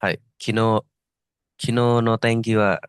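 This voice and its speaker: A man answering haltingly as a student in an online class, searching for words. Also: on the low side, flat delivery, smooth, no room sound, clean studio sound.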